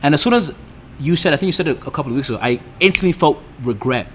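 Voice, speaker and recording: A man's voice: a little high, expressive, rapid-fire, a little hiss or hum. Earnest young man, podcast guest. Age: 20s. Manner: earnest, agreeable. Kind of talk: casual conversation.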